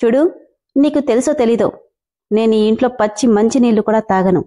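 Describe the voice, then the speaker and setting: Lady voicing a cold bossy husband in a storybook, curt and scolding, mellow tone. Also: fairly high pitch, a little fast, natural voice. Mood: stern. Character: cold, arrogant young husband.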